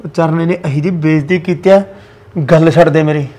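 A man's voice: on the high side, fairly even intonation, fairly quick, dark tone, natural voice. An actor playing an older village father-in-law with a Punjabi accent who lectures his family about honour. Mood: scolding. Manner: scolding, lecturing.

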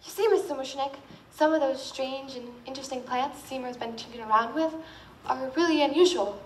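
A woman's voice: sits high, brisk, close to an everyday voice. A woman on stage playing a sweet, naive young female flower shop assistant, recorded from the audience in a theatre. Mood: hopeful. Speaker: stage actor. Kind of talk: stage musical theatre dialogue. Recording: distant echoey theatre, faint noise.

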